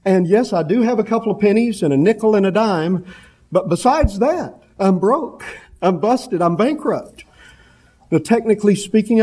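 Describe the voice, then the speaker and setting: A man delivers a sermon in a fairly high voice with a soft, mellow tone. He builds emphatic, repeated phrases and slows right down when he quotes scripture. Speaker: preacher.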